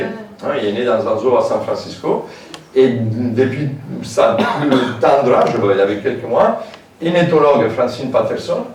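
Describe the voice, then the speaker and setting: A male lecturer with a French accent and a foreign lilt gives a public lecture in a casual, hesitant way, full of fillers and asides. His mid-range voice is a little mellow, picked up by a distant mic in an echoey hall with a slight hiss or hum.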